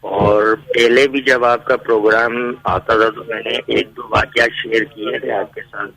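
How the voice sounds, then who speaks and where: A man's voice: on the low side, little pitch movement, unhurried, gravelly, bright, forceful tone, poor audio. A man phoning in to a radio show over a bad connection that keeps cutting out, speaking politely and repeating himself. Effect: bad phone connection that keeps cutting out. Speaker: caller. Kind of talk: phone-in call to a radio show.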